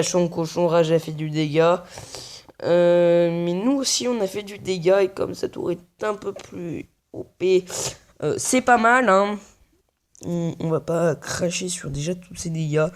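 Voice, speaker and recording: Young male gamer, slow unhurried delivery, mumbled running commentary with frequent swearing. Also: high-pitched. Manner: mutters play-by-play, swears often. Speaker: gaming video creator. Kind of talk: casual gameplay commentary.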